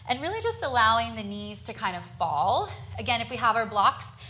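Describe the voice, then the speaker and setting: Her voice runs a little high, bright and forceful, as she steers a yoga class through breath-timed cues with encouragement. The young instructor is slightly short of breath, and there's some light noise behind her.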